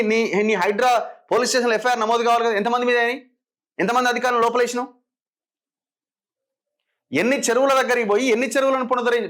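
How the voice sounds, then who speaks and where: A man's voice: very high voice, fairly bright tone. A man with a Telangana Telugu accent giving opinionated political commentary, firing sarcastic rhetorical questions.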